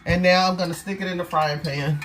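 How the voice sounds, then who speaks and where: With music in the background, a cooking vlog host talks briskly and chattily to viewers from her home kitchen. Her fairly low voice is steady in tone and stuffy, nasal from a cold.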